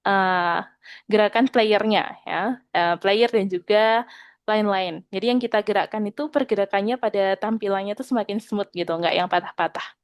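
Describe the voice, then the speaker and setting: Patiently teaching an online programming class, a woman regularly checks in with her students and slows her pace to read out code. Her voice is medium-pitched, clear and resonant, recorded with no room sound.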